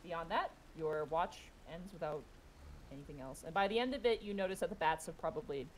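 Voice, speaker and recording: A woman with a fairly low voice runs a tabletop role-playing game. She describes scenes conversationally, making them up as she goes. There is faint noise in the recording. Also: brisk. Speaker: game master. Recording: background noise, room ambience.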